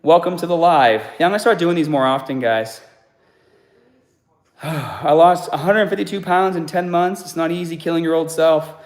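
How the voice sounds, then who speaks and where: A man's voice: on the high side, moderate pace, roomy sound. A man in his forties hosting a casual fitness live stream while working out, slightly sick and out of breath, reading chat aloud with laid-back sighs. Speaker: fitness channel host. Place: home gym.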